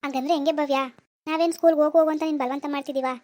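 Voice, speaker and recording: A gentle but firm village mother in a cartoon, voiced by the narrator, with a very high, quick voice. She is soothing and practical, recorded close and dry. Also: steady tone, no echo, lightly acted. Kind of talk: Kannada cartoon voice acting.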